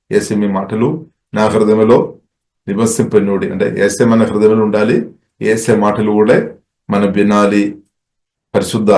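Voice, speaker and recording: A man's voice: fairly low pitch, a little mellow, echoey room. A man preaching a sermon in a repetitive cadence, with frequent Hallelujahs and English words mixed into his speech.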